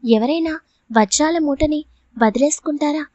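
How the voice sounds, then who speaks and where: A woman's voice: sits high, moderate pace, warm tone, no room sound, natural voice. A woman reading the part of a greedy, drunken middle-aged father who talks in a smug, wheedling way in a storybook reading. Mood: scheming. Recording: dull lo-fi audio.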